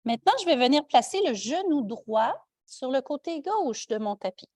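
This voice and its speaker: A woman with a Quebec French accent, teaching a yoga class with calm step-by-step cues and light joking asides. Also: high-pitched, moderate pace, no room sound, clean studio sound. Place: yoga studio.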